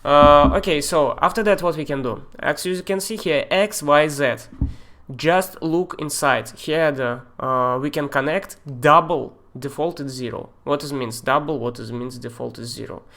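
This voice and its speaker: A Russian man, Russian his first language and his accent evident, teaches a live-streamed screen tutorial as a software tutor. His voice is fairly high and a bit bright, and he speaks haltingly, with fillers and non-native grammar.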